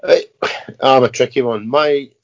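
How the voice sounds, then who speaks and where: A man in his fifties, an army veteran, answering interview questions in a halting way with many fillers and repeated words. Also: mid-range voice, creaky. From Scotland. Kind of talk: casual interview. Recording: muffled lo-fi audio.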